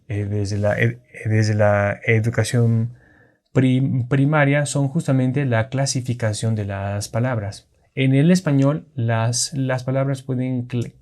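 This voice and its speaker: A man's voice: medium pitch, darkish tone. A man teaching a lesson on Spanish accentuation, explaining patiently and checking in with his listeners. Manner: patient, explanatory, with frequent restarts and check-ins. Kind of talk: classroom lesson on Spanish grammar.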